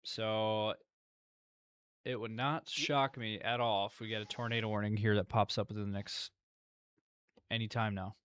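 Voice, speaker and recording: A man's voice: fairly low pitch, steady tone, normal speed, pauses often, fairly bright tone, clear, resonant tone, no room sound. A man hosting live severe weather coverage, commenting with concern and repeating key points. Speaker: severe weather livestream host.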